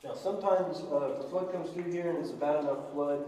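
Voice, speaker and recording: A man's voice: a little high, quick pace, dark tone. A man working as a tour guide, explaining things casually and a little hesitantly in an informal guided-tour style. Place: inside a cave. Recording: very echoey cave, distant mic, noisy.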